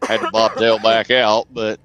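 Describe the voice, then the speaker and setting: A man's voice: lowish voice, level tone, moderate pace, fairly bright tone, rough recording. A man, a truck driver, telling stories as a guest in a casual, folksy, joking way. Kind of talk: casual conversation, storytelling.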